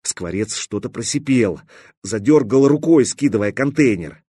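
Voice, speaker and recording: A man narrates an audiobook in a husky, mid-pitched voice, measured and tense. The recording is close and dry, with no room sound. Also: lively intonation, mellow, no room sound. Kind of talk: scripted narration.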